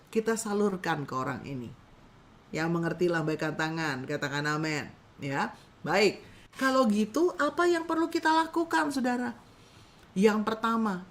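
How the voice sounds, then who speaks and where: A woman teaching a congregation about counseling in a conversational sermon style, asking rhetorical questions and acting out little scenes. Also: mid-range voice. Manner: addresses listeners as brothers and sisters, acts out short scenes.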